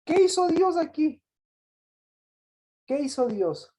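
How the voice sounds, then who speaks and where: A woman giving a Sabbath Bible teaching, often asking her listeners questions, restarting phrases and clearing her throat. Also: high-pitched, sing-song, slow pace, warm tone.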